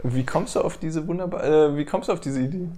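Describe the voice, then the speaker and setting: A man co-hosting a podcast, teasing his partner and quick to laugh and joke. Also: on the high side, mellow. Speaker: podcast co-host. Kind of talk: casual podcast chat.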